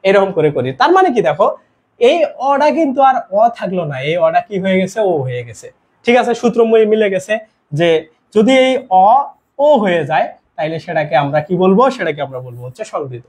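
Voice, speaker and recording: A man's voice: high-pitched, brisk, husky. A young man tutoring students for an admission test in an online grammar lesson, explaining step by step and often asking if they follow. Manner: lively explaining with constant check-in questions.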